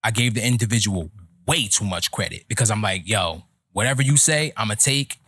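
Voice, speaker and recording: Man, thirties, podcast host, preachy opinions, deliberate, dry recording. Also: fairly low pitch, expressive, sharp tone, husky, no echo. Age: 30s. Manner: opinionated, lecturing, slow deliberate delivery. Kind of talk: casual podcast chat.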